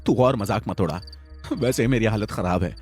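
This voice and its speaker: A man's voice: on the low side, moderate pace, darkish tone, faint music behind, lightly acted. A man voicing Vicky, a terrified young man alone at home at night, pleading with his friend in a trembling, panicky way in a Hindi audio story.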